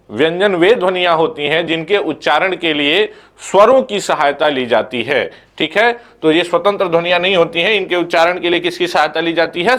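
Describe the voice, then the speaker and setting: A man's voice: a little high, fairly bright tone. A young man teaching an exam coaching lecture, who asks questions and answers them himself and recites letters one by one.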